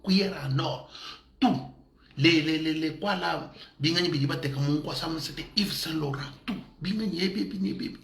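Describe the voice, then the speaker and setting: A man preaching an animated sermon as a pastor, lively and often laughing, mixing in African words. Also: a little high, moderate pace, gravelly, roomy sound. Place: church in Madrid.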